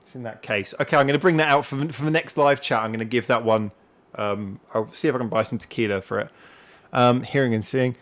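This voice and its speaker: A man's voice: mid-range voice, fairly quick, a bit bright. A young man hosting a casual live stream chat from his home computer. He talks in a rambling, chatty way and laughs often.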